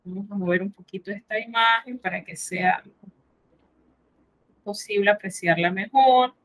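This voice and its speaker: In a French vocabulary lesson, a woman with a medium-pitched voice pronounces each French word slowly, translates it, and patiently explains how it's spelled. The recording quality is low.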